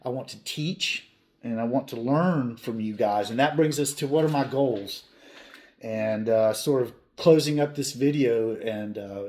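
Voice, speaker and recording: In his fifties, this man hosts a hobby channel and chats casually with viewers, earnest and plain-spoken, driving points home by repeating them. His voice is medium in pitch and a little mellow.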